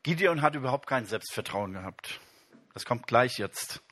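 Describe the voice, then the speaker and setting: A man's voice: medium pitch, expressive, moderate pace, a bit bright. A man preaching a sermon, speaking straight to his congregation and reading scripture aloud with emphasis.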